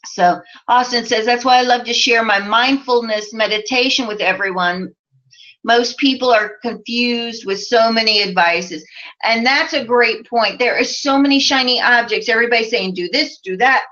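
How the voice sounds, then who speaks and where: Midwest lady coach doing a live stream, bright kinda high voice, lots of "you know", dull lo-fi sound. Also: normal speed. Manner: chatty, lots of "you know", laughs often. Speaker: life coach. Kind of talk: live-streamed motivational talk reading viewer comments.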